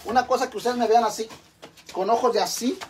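A woman's voice: on the high side, fairly even intonation, brisk, darkish tone, slight background noise. A middle-aged woman with a Mexican accent, hosting a crude, joking live-stream cooking chat from her home kitchen and calling her viewers sisters. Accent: Mexican Spanish.

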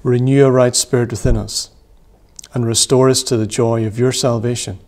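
A man in his thirties leading worship as a priest, reading prayers in a measured, solemn way in a small church room. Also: mid-range voice, steady tone, a little mellow. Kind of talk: liturgical reading.

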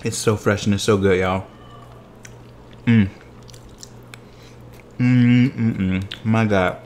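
A man's voice: lowish voice, steady tone, takes it slowly, darkish tone, slight background noise. A man in his thirties talking chattily as he tastes desserts at home, savoring each bite with exuberant delight. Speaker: food vlogger. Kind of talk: dessert tasting vlog. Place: living room at home.

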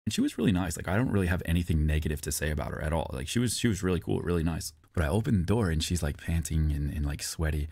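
A man streamer rambles through a personal story, doubling back and repeating phrases and swearing as he goes. His voice sits low with a gravelly fry. The sound is dry and close, with no room around it. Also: animated, quick pace, few pauses, darkish tone, no room sound. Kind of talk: casual storytelling.

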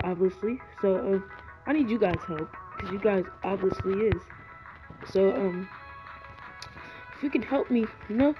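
A man giving earnest, rambling gameplay commentary from a cold garage, shivering and full of ums and likes. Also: high voice. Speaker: gaming YouTuber. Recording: dull lo-fi audio with loud music.

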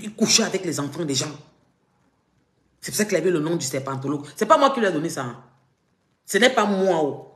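A woman's voice: on the low side, roomy sound. A woman with a Cameroonian French accent, ranting on a live stream in a taunting, mocking, threatening way. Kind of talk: confrontational live-stream rant.

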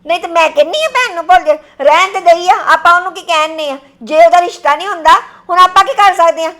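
A woman playing a sharp-tongued jealous young wife. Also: extremely high pitch, fast. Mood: aggrieved. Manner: quarrelsome, complaining. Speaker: daughter-in-law in a family drama. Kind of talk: amateur family drama acting.

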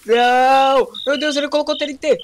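A man's voice: very high voice, fairly even intonation, normal speed, background noise. A young Brazilian man playing a game who yelps and whines in a frantic way and keeps repeating himself. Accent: Brazilian Portuguese. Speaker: gaming guest. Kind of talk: panicked gameplay role-play. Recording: background music under voice.

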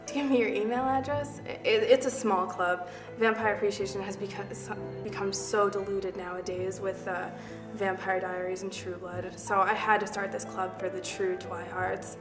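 A woman playing an intense young vampire-romance superfan and club founder who gushes in rapid bursts. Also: mid-range voice, fairly even intonation, natural voice. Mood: gushing. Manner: gushing, rapid-fire. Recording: echoey room, mic far off. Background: background music.

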